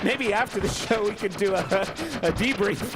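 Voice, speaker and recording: A man's voice: high voice, lively intonation, moderate pace, very noisy. A man co-hosting a comedy podcast, playful and joking in casual chat. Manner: playful, does silly voices and mock-announcer lines. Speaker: podcast co-host. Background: game music under the podcast.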